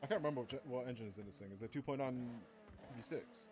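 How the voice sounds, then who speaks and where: A man's voice: medium pitch, quick pace, noisy background. A young man casually streaming a racing game. He rambles, swears freely, talks to his viewers and says he is starting to lose his voice. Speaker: gaming streamer. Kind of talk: casual live-stream commentary.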